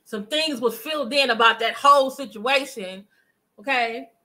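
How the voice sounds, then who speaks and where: A middle-aged woman talks straight into her webcam in a home living room, hosting a live commentary stream. Her voice sits a bit high and sounds bright and forward. She speaks emphatically and breaks off to greet viewers in chat. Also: moderate pace, low-quality recording. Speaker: livestream commentary host. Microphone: webcam at desk distance.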